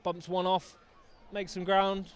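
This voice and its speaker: A man's voice: high voice, completely flat delivery, takes it slowly, clear, resonant tone. A man doing live rugby commentary outdoors, chatty and enthusiastic with jokey asides.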